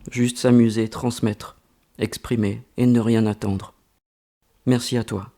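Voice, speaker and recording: Man in an interview, slow and hesitant, low mellow voice, keeps stopping to think. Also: flat delivery. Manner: slow and halting, many hesitations and repeated words. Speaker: interviewee, amateur voice actor. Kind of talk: reflective interview answers.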